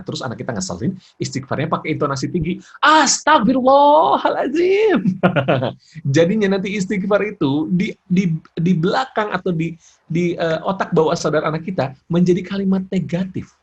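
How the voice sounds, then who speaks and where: Male parenting speaker, lively and expressive, slightly husky voice, dull-sounding recording. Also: a little high, quick pace. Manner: expressive, laughs often, acts out examples.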